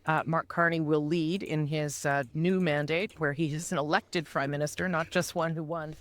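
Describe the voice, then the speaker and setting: A man anchoring live election-night news coverage with a polished, even delivery. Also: on the high side, normal speed, clear, resonant tone.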